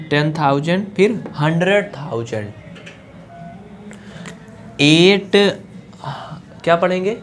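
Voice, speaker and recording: A man's voice: fairly high pitch, a little hiss or hum. A man teaching a basic math lesson at a board, often asking the class a question and then answering it himself. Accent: Hindi-speaking Uttar Pradesh.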